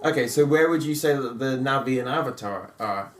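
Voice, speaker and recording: A man in a casual podcast chat, thinking aloud in halting, searching sentences. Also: mid-range voice, faint music behind. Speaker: podcast co-host. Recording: roomy echo.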